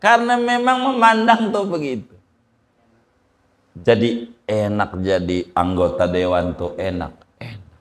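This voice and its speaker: A man's voice: fairly low pitch, expressive, a little slow, long pauses. A man giving a casual, joking religious lecture, acting out little dialogues as he teaches. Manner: chatty, joking, acts out dialogues. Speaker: Islamic preacher.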